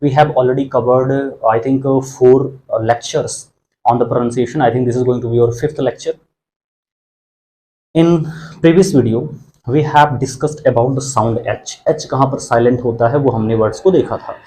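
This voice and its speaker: In a bilingual classroom lesson, a man drills English pronunciation by asking questions and repeating words. His voice is medium-pitched, steady and dark, and he speaks very slowly.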